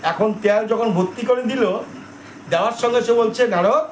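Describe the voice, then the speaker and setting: High-voiced male devotional storyteller. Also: moderate pace. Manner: conversational, addresses listeners as mother, asks questions. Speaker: kirtan storyteller preacher. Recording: echoey room with faint noise.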